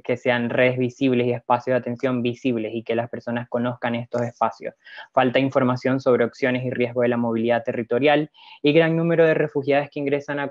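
A man narrating a slide presentation in a measured, hesitant way, pausing with fillers, recorded as a lo-fi voice-over. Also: medium pitch, no room sound. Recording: dull, lo-fi, dry voice-over.

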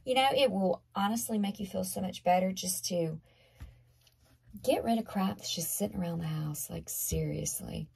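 A hoarse woman with a Southern US accent gives a casual tarot reading, chatty and emphatic, often repeating herself. Her voice is gravelly and very husky, with a dark, mellow tone. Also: medium pitch, moderate pace. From Southern United States. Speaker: tarot reader.

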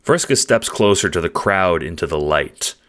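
A man's voice: sits low, expressive, moderate pace, fairly bright tone. A man narrating a scripted audio drama in the second person, with a descriptive storytelling manner.

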